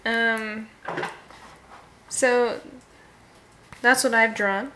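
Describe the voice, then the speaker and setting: Chatty young woman, slightly high voice. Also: steady tone, very slow, sharp tone, slight background noise. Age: young adult. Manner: chatty, agreeable, giggly. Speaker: co-host. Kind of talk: casual chat.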